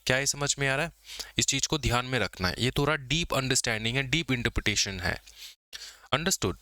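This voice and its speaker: A young man teaching an exam-prep law class, often checking whether students follow and slowing down to dictate definitions. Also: mid-range voice, lively intonation, sharp tone, no echo. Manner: explains casually, checks understanding with repeated questions; slows to dictate English definitions. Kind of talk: exam lecture.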